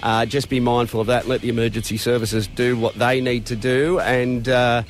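A man's voice: mid-range voice, level tone, normal speed, faint music behind. An Australian man presenting a radio breakfast show in a chatty, colloquial, matey way on a studio microphone.

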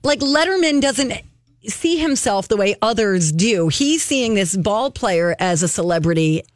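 A woman's voice: mid-range voice, expressive, measured pace, dry recording, studio quality. A woman co-hosting a radio talk show, recapping a story in a chatty, casual way.

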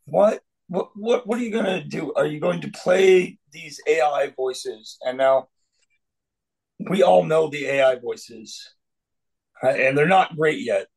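The man's fairly high voice carries vocal fry and a breathy edge as he argues his stance on a casual podcast roundtable. Opinionated but hesitant, he restarts often and leans on fillers, and the recording is rough.

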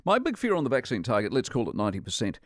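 A man's voice: mid-range voice, huge pitch swings, very fast, a bit bright, no room sound, studio quality. A middle-aged man with a New Zealand accent hosting a talk radio interview, blunt and opinionated. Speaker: radio host.

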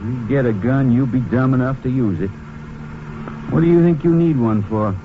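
In a muffled, noisy 1950s radio recording, a man with a mid-range voice plays an irritable, bossy small-time car thief in a western radio drama. He speaks at normal speed with light acting, scolding in slangy rural speech.

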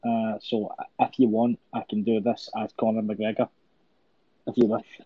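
A man's voice: lowish voice, level tone, a little slow, dry recording. A man with a broad Scottish accent chatting casually and jokily as a caller to a talk show. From Scotland. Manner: jokey, sweary banter. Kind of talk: casual chat. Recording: muffled, lo-fi call audio.

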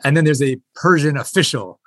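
A man's voice: a little high, expressive, a little fast, no echo, studio quality. A man speaking as a guest professor, giving a conversational scholarly explanation. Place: library, late at night.

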